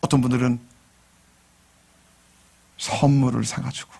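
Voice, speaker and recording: A male pastor giving a sermon in a church, animated and quizzing the congregation. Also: medium pitch, unhurried, vocal fry, breathy edge. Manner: animated, asks the congregation questions, drops to whispers.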